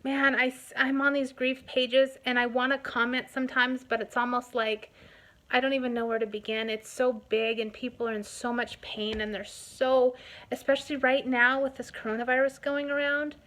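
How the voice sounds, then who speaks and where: A woman telling an emotional personal testimony in an earnest, halting way, full of restarts and fillers. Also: high voice, flat delivery, fairly bright tone. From United States. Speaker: host sharing a personal testimony.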